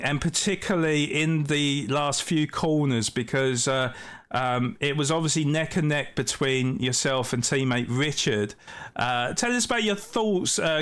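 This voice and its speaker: A man commentating a sim race and interviewing drivers, excitable and hesitant, with many filler pauses, sounding out of breath. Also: fairly high pitch. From South Africa.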